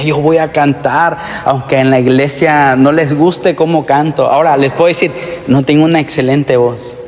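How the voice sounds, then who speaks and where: A man's voice: medium pitch, a little mellow. A man preaching a testimony sermon to young people, earnest and addressing them directly with calls for amen. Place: church sanctuary. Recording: long hall reverb.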